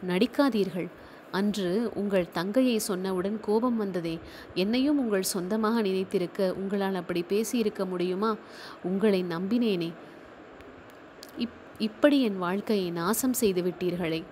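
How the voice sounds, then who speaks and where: A woman's voice: medium pitch, measured pace, a little mellow, slight background noise, natural voice. A woman narrator voicing a heartbroken young woman who speaks in tearful reproach, in a storybook reading. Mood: anguished.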